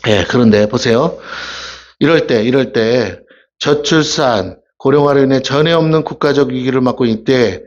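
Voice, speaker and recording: A man's voice: mid-range voice, normal speed. A male pastor giving a casual, humorous sermon, telling stories and asking the congregation questions. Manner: chatty storytelling, asks the congregation questions, acts out voices. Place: church sanctuary. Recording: dull lo-fi church recording.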